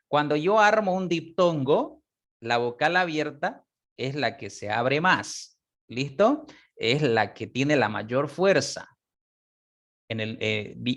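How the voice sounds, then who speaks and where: A man teaching a class, explaining step by step, repeating example words slowly and often checking that students follow. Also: mid-range voice, fairly bright tone. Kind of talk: online class lecture.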